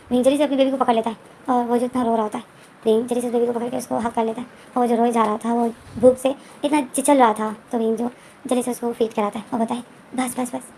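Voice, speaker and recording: A woman's voice: fairly high pitch, vocal fry, mellow, a little hiss or hum. A woman casually retelling a fan story, rambling and repeating herself as she goes.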